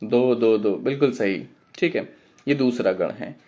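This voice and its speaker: A man teaching a poetry workshop, chanting syllables and beat counts in a drawn-out way. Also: mid-range voice, dark tone. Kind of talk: online lesson.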